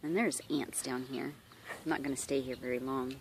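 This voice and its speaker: A woman recording a casual, rambling video diary as a fitness vlogger, relaxed and affectionate, speaking outdoors into a handheld camera. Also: a bass voice, moderate pace. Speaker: vlogger giving a daily fitness update. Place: outdoors at a horse property, sitting on the ground. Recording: noisy outdoor amateur recording.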